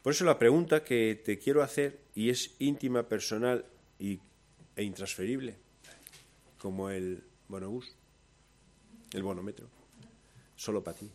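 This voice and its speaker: A man with a Spanish accent from Spain preaching a sermon, moving between loud, lively storytelling and soft, low emphasis. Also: measured pace, pauses often.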